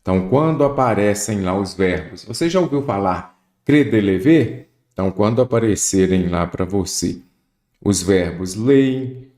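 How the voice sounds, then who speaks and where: A man's voice: fairly low pitch, animated, unhurried, a little mellow. A man teaching an exam-prep lesson, explaining rules step by step and speaking directly to the student. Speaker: Portuguese teacher. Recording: roomy echo.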